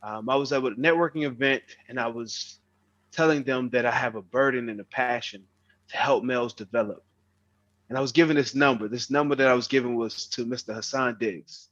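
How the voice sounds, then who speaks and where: A man's voice: medium pitch, a little fast, fairly bright tone, lo-fi sound. A young man hosting an online meeting, speaking earnestly, often repeating words as he starts a phrase. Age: young adult. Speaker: meeting host.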